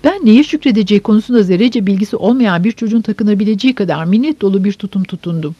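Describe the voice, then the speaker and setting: A woman narrating a novel in first person, steady and measured, in a dull, dry audiobook recording. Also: medium pitch, breathy edge, dry recording. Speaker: audiobook reader.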